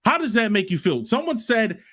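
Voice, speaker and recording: A man hosting a stream, loudly mocking and trash-talking another caller, repeating his insults. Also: sits high, very animated, a little fast. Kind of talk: heated trash talk on a live stream.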